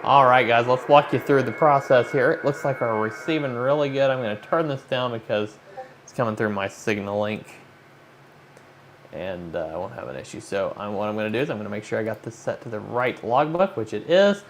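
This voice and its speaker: Talking informally on his hobby livestream, a man who is an amateur radio operator thinks aloud as he guides viewers through a demo. He has a medium-pitched voice and a brisk delivery, with noticeable background noise in the recording.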